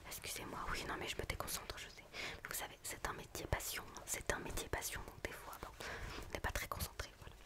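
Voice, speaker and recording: Whispering woman in a soothing role-play. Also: fast talker. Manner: hushed library-like whisper, repeating phrases soothingly. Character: quirky, gentle female book physiotherapist attending a patient. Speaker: ASMR performer playing a book therapist.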